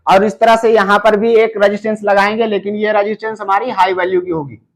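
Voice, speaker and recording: A man walks through a circuit repair lesson in a fairly high voice. He talks in a patient, step-by-step tutorial manner, filling pauses with short check-ins to the viewer. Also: fairly even intonation. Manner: explains slowly, filling gaps with "theek hai" and "doston". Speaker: electronics repair teacher.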